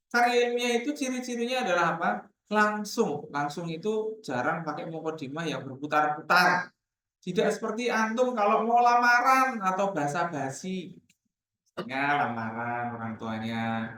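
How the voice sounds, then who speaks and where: A man teaching a class on academic writing in a lively lecturing manner. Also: high-pitched, moderate pace. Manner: lively, acts out dialogues in changing voices. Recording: very echoey classroom from far off.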